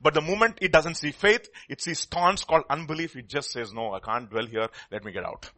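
A man's voice: a little high, fairly quick, bright, forceful tone. A man with a South Indian Telugu accent preaching a sermon in a teacherly way, repeating key words for emphasis and putting questions to his listeners.

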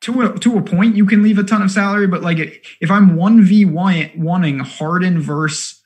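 A man co-hosting a fantasy basketball strategy show, talking casually in quick, animated bursts with lots of fillers. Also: high-pitched. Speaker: co-host of a fantasy sports show. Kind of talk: casual analytical chat.

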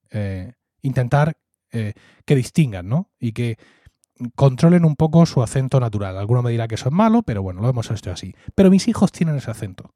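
A man from Murcia, Spain, co-hosting a podcast, tells warm, reflective stories in casual chat with his Murcian accent, regularly adding a questioning "¿no?". His pitch is fairly high and his tone dark. The audio is clean studio sound with no echo.

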